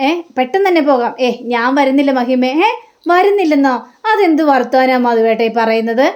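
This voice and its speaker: A woman voicing an anxious mother who speaks in a hurried, pleading way. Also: sits high, close to an everyday voice. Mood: eager. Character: anxious mother, fussing over her daughter.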